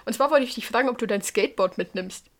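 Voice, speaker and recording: A young woman co-hosting a podcast, telling animated stories, teasing her friends and mixing English words into her talk. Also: on the high side, quick pace. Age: teens to young adult. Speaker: podcast co-host. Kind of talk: casual chat.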